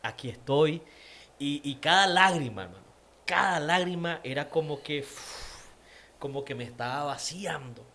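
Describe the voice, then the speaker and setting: A man's voice: a little high, expressive, normal speed, bright, forceful tone, a little hiss or hum. A man with a Nicaraguan accent, an interview guest giving a personal faith testimony, repeating words for emphasis. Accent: Nicaraguan Spanish.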